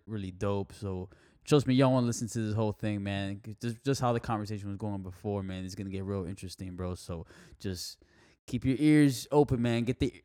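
A man's voice: fairly low pitch, mellow, smooth, no room sound, studio quality. A man co-hosting a podcast with casual, slangy frat-bro banter, tossing in bro and dog constantly. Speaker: podcast co-host.

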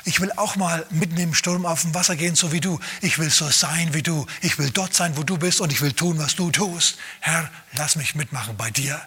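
A preacher voicing fervent, eager Peter. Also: male voice, fairly high pitch, normal speed, hardly any pauses, sharp tone, breathy edge, long reverb tail. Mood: fervent pleading. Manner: fervent, pleading.

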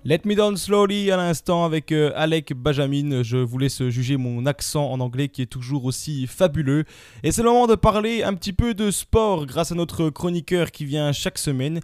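A man's voice: a little high, lively intonation, normal speed, darkish tone, clean tone, no room sound, studio quality, faint music behind. A man hosting a radio show, presenting casually with a chatty, self-mocking manner. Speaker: radio host. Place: on location away from the studio.

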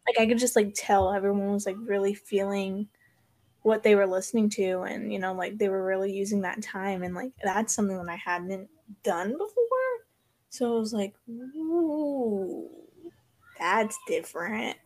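A young woman guest on a podcast, talking casually and softly, filling her speech with "like". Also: mid-range voice, steady tone, normal speed. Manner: soft-spoken, heavy use of "like".

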